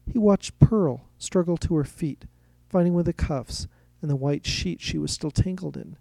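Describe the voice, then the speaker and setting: A man narrating a story in a steady, even reading style. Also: on the high side, moderate pace, gravelly, dry recording.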